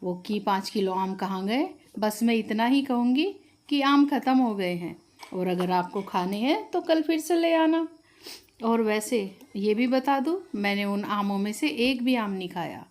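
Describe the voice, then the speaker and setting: A woman plays a put-upon young wife who keeps her complaints restrained and polite in a storybook tale. The voice sits fairly high. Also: lively intonation, unhurried, darkish tone. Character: patient, put-upon young sister-in-law.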